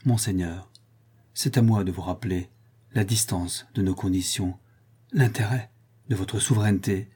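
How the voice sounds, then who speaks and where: A man voicing a tender, emotional noble lady in a soft, breathy, half-whispered manner, for an audiobook. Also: fairly low pitch, moderate pace. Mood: moved. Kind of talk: audiobook reading.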